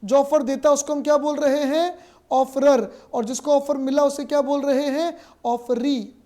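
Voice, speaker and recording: A man's voice: very high voice, steady tone, normal speed, mellow. A male teacher giving a classroom lecture. He asks questions, answers them himself, repeats key terms and adds playful, joking asides.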